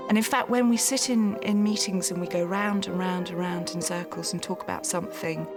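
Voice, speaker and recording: A woman's voice: fairly low pitch, steady tone, brisk. A woman filmmaker in a casual interview, talking conversationally and acting out remarks. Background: music.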